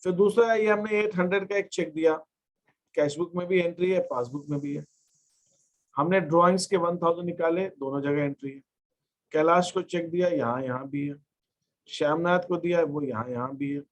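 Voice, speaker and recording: A man's voice: fairly high pitch, rough recording. A man teaching an accountancy class, explaining step by step and mixing English terms into his talk. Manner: dictates terms slowly while writing. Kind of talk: classroom lecture.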